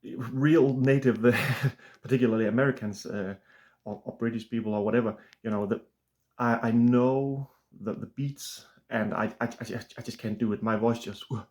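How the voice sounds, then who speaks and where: A man from Denmark with a Danish accent speaks in a flat, throaty, lowish voice. He is an author and channel host giving a casual, unscripted monologue, halting often with many restarts and fillers.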